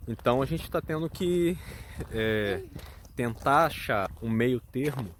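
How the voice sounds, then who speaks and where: This father and vlogger, Brazilian Portuguese accent in his speech, talks slowly and expressively in a mid-range voice as he casually explains, earnest and thoughtful, hunting for words. A little hiss or hum can be heard.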